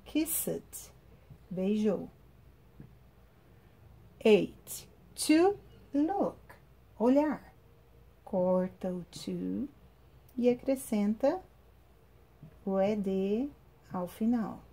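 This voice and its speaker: A woman teacher with a Brazilian Portuguese accent giving a recorded online class, spelling out grammar rules slowly and step by step. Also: mid-range voice, animated, creaky, dark tone, husky. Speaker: English teacher.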